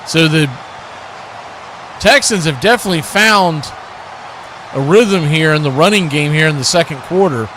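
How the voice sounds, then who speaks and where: There's a little hiss or hum behind this man's fairly high, sharp-toned voice. He calls live American football play-by-play like a radio broadcaster, a commentator and watch party host speaking in punchy short phrases with colourful action verbs.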